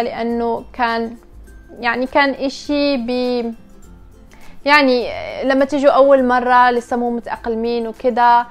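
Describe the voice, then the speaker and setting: A young woman from Morocco chatting casually to her viewers, mixing in English words. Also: a little high. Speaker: vlogger. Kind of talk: casual chat to camera.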